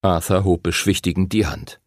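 A man's voice: sits low, normal speed, no room sound. A man narrating an audiobook expressively, close to the mic. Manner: expressive, voices characters. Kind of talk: scripted narration.

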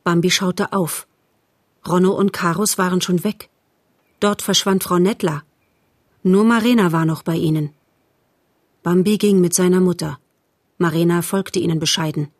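A woman narrating a storybook in a measured, calm way. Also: lowish voice, no room sound, studio quality. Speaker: audiobook narrator.

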